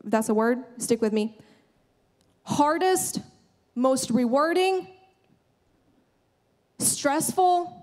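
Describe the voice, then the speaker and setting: A woman's voice: high-pitched, animated, slow, long pauses, a little mellow. A young woman giving an earnest, conversational sermon on a church stage, speaking into a handheld microphone and often restarting her sentences. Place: large church stage, indoors.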